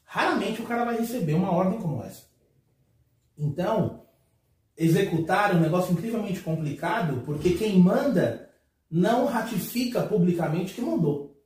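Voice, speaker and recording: A man's voice: high-pitched, expressive, normal speed, a little mellow. Emphatic man in an echoey room. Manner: emphatic, repeats words when building a point. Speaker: podcast panelist. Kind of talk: heated roundtable debate. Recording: echoey room, mic at a distance.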